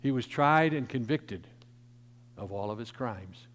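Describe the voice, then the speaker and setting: A man's voice: mid-range voice, expressive, unhurried. Man preaching in an echoing church. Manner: emphatic preaching that swells in volume, then drops to soft. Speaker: pastor. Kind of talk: sermon. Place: church sanctuary. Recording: long church reverb.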